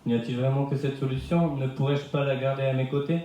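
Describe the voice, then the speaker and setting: A man's voice: medium pitch, fairly even intonation, fast, dark tone, slight background noise, lightly acted. A young man playing a worried old husband. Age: 20s. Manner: earnest, pleading. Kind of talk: amateur stage sketch. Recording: echoey room.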